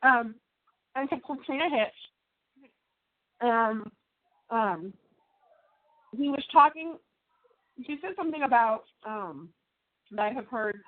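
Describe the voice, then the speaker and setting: A middle-aged woman interviews casually in a fairly high voice, halting and trailing off between questions. Her sound is dry and narrow, as on a telephone. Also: lively intonation, no echo. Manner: halting, trails off while note-taking. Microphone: phone call. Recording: tinny dry phone-line sound.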